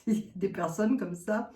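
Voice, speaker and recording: A woman's voice: medium pitch, measured pace, warm tone. A woman psychic chatting casually and in a flustered way to her viewers, laughing often between sentences. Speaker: psychic reader. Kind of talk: casual chat to camera. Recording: echoey room.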